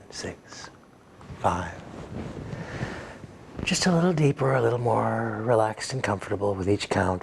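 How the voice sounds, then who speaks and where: Guy w/ lower voice, slow hypnotist talk, soothing and repetitive, some noise behind him. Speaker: hypnosis instructor. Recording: clear background noise.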